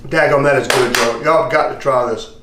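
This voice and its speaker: A man's voice: medium pitch, a little fast, background noise. A young man hosting a fishing channel, chatting upbeat as he tastes food and laughs. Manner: upbeat, laughing, drawling y'all. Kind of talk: casual cooking and tasting chat. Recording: echoey room.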